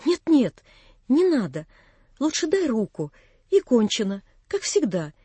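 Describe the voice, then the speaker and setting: A woman voicing a shy, embarrassed young woman who speaks quietly and hushed in a storybook reading. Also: on the high side, big pitch swings, a little slow, breathy edge, no room sound, heavily acted. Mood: timid hushed.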